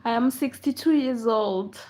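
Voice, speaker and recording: A woman's voice: fairly high pitch, measured pace, darkish tone. A woman chatting casually on a livestream, answering comments in a playful, teasing way and laughing often. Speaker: livestream host. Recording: dull lo-fi livestream audio.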